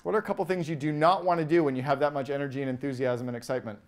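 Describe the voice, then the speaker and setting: A man giving an energetic business keynote on stage, firing quick questions at the audience and rattling off lists. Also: on the high side. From Canada. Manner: animated, asks the audience quick questions, acts out quoted voices. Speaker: keynote speaker. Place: event stage before a live audience.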